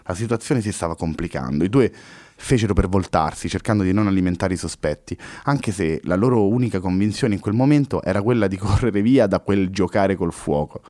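A man reading a story aloud in a measured, expressive way. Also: deep voice. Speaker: narrator.

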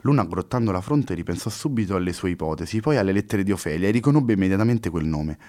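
A man reading a story aloud in a measured, expressive way. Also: low-pitched. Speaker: narrator.

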